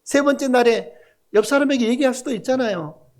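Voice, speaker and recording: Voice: mid-range voice, a little fast, darkish tone. A pastor preaching a Sunday sermon in a church, asking the congregation questions and joking with the children. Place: church sanctuary.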